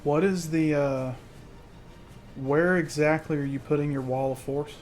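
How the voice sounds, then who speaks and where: A man improvising narration as game master of a tabletop game, explaining in a halting way. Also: on the high side, steady tone, a little mellow, faint music behind. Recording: faint background noise.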